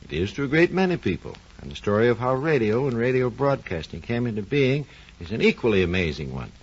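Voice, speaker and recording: This scripted 1940s educational radio talk features an American man as a research engineer explaining science formally. His mid-range voice swings widely in pitch, moves fast and sounds slightly rough, all on a muffled, lo-fi recording.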